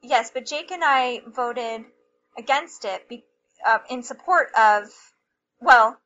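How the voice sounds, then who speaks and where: Bright-voiced woman, candid and halting. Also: on the high side. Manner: candid, emotional, halting retelling. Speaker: podcast guest. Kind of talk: personal storytelling interview. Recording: slightly dull lo-fi recording with faint hiss.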